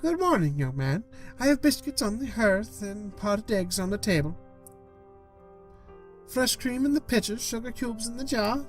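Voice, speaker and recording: A man's voice: high-pitched, sing-song, moderate pace, faint music behind, pitched above the performer's own voice. A man voicing a kindly but stubborn old grandmother in a raised, thin voice.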